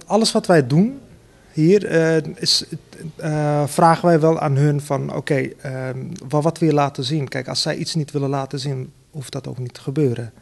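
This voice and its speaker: A man, a theater director, answering interview questions earnestly with many pauses and fillers. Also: fairly high pitch, fairly even intonation, gravelly.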